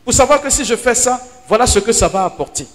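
Animated high-voiced priest preaching. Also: male voice, fast talker. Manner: animated storyteller, dramatic drops to hushed asides. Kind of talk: sermon teaching. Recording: hall reverb with faint music.

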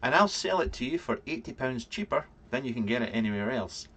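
A man in his thirties with a Fife accent from Scotland hosts a casual livestream in a medium-pitched voice. He rambles and halts as he reads out chat comments and answers them with dry humour. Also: lively intonation, fairly bright tone, husky. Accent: Scottish, from Fife. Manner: rambling, halting, dryly joking. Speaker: livestream vlog host. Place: small cluttered home room, indoors.

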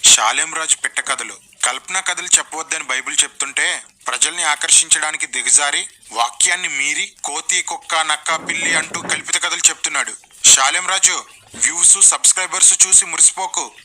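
A man's voice: fairly high pitch, brisk, bright, forceful tone, a little hiss or hum. A man delivering satirical voice-over commentary in a sarcastic, mocking way.

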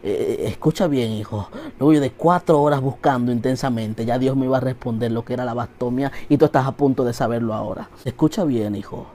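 A man voicing God as a deep, solemn, fatherly voice, speaking slowly and hushed. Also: natural voice.

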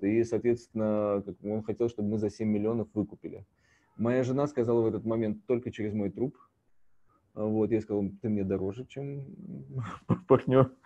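Male business guest, low, mellow voice, halting with fillers; muffled call audio. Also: no echo. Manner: hesitant, many fillers, chuckling. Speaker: franchise business owner, invited guest. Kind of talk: casual business talk on a video call.

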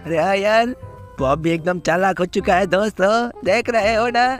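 A man hosting a gaming channel, chatting in excitable, teasing banter with his viewers. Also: sits high, normal speed, soft background music. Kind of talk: playful gameplay banter.

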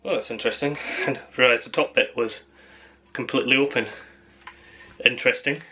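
A man's voice: medium pitch, steady tone, brisk, bright, forceful tone. A man hosting a casual unboxing vlog, rambling and chatty, often laughing at himself. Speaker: channel host.

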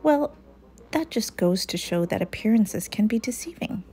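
A woman's voice: mid-range voice, lively intonation, normal speed, dark tone, slightly rough. A woman voicing a sensible, patient mother bear in a children's storybook. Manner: patient, instructive.

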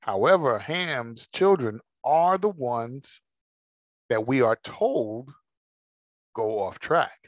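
A man teaching a Bible study, reading verses slowly and then explaining them in a measured way. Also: medium pitch, lively intonation, no room sound, lo-fi sound. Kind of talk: scripture study talk, reading aloud.

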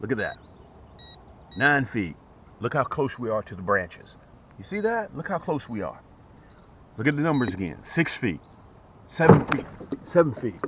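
On a lake at dawn, rain falling, a man with a mid-range voice hosts his fishing channel's casual vlog from a small boat, talking at a moderate pace with long pauses. He's excitable and repeats himself, frequently lowering to a hushed tone as he addresses viewers directly. Sound comes from a boat-mounted action camera, dull and lo-fi, with faint noise from outdoors.

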